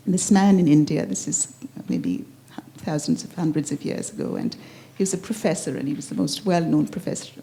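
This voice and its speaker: A woman with a gravelly, low voice shares a personal reflection at a retreat. She speaks earnestly and haltingly, and her tone is dark and mellow. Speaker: retreat participant sharing.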